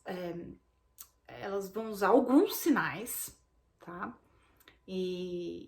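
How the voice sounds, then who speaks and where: A chatty Brazilian woman with a high voice walks her students through a casual recorded lesson. She keeps checking in with quick tag questions as she explains. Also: fairly bright tone. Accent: Brazilian Portuguese. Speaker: baby sign language course instructor.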